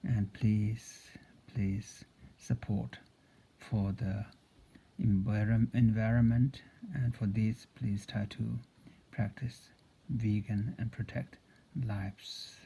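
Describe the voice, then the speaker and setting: Slow, deep-voiced Buddhist teacher chanting. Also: male voice, steady tone, vocal fry, husky. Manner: slow, soft-spoken, drawn-out chanting. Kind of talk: mantra chanting and dharma talk. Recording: dull lo-fi sound.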